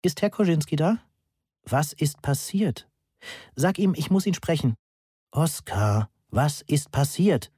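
A worried young woman on the phone who presses her questions slowly and insistently, as a male reader puts her on. The voice is dark and a little husky, close and dry. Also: on the high side, animated, dry recording, voice pushed up, heavily acted. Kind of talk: audiobook character reading.

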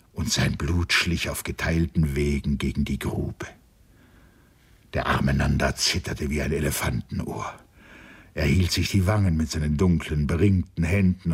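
A man reading a literary novel aloud in a measured, solemn way. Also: rumbling low, slightly rough. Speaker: narrator. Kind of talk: literary audiobook narration.

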